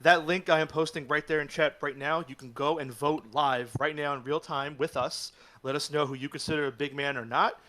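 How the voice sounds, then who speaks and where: A man's voice: a little high, steady tone, brisk, hardly any pauses, bright, forceful tone. Joking man hosting a live podcast. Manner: jokey, moderates the list and reads chat poll results aloud. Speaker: podcast co-host. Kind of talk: casual chat.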